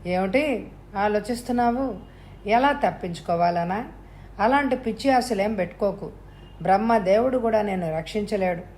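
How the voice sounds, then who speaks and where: A woman's voice: medium pitch, a little mellow, slight background noise, natural voice. A woman doing a harsh, cold young killer. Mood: cold menacing. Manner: coolly menacing, unhurried.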